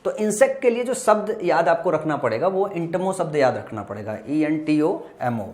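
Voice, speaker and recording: A man with an Indian accent teaching exam vocabulary, asking questions and answering them himself, slowly spelling words out letter by letter. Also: fairly high pitch, animated, darkish tone. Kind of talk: exam-prep lesson.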